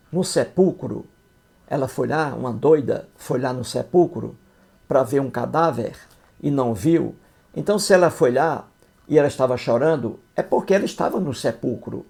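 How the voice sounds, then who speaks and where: Gravelly, dark-voiced man lecturing scornfully. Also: medium pitch. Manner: didactic, repeats points, asks "entendeu?"; scornful, mocking. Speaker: video commentator. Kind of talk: critical commentary on scripture.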